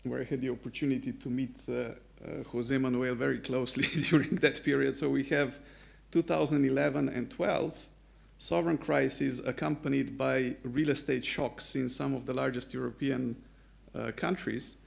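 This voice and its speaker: Gravelly man giving a confident panel talk. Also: medium pitch, steady tone, moderate pace. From Slovenia. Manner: assertive, structured, emphatic.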